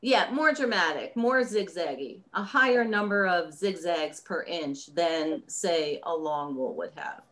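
Slow, low-voiced woman explaining at length. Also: fairly bright tone. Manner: slow, thoughtful, with many pauses and repeated starts. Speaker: yarn company owner hosting a subscription chat. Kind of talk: casual explanatory chat.

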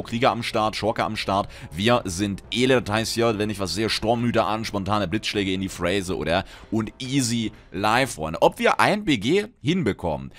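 A young man talks over his gameplay at a desk mic. His pitch jumps around a lot as he reacts to the match. He throws in slang and sudden loud shouts. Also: no room sound. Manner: excited slangy banter, quick outbursts. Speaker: gaming channel host. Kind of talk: Let's Play commentary.

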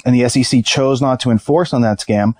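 A man's voice: medium pitch, brisk, a little mellow. A man giving long, earnest interview answers as a whistleblower, often restarting mid-sentence. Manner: long run-on explanations with repeated restarts.

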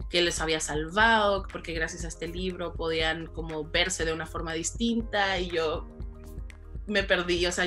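A woman author answering interview questions in an earnest, animated way, laughing easily as she talks. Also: fairly low pitch. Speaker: author guest.

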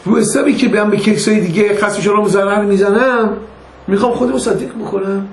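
Older rabbi chatting through a lesson, high-ish voice, roomy echo, faint hiss. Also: male voice, fairly even intonation. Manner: conversational, anecdotal, acts out quoted dialogue. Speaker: rabbi teaching a class. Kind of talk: informal religious lesson. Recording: echoey room with faint noise.

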